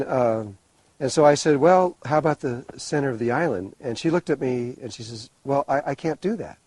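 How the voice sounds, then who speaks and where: A man recounts a long personal story, rambling and animated, restarting his sentences as he goes. His voice is husky and mellow, at an ordinary pitch. The sound is dry and close. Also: no room sound, low-quality recording. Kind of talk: storytelling talk.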